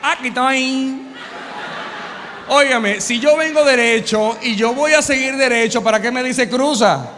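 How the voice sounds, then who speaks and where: A man pastor preaching with humor, telling stories in an animated way and sometimes shouting. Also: extremely high pitch, moderate pace, a faint crowd. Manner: animated storytelling, bursts of shouting. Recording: reverberant hall, faint noise.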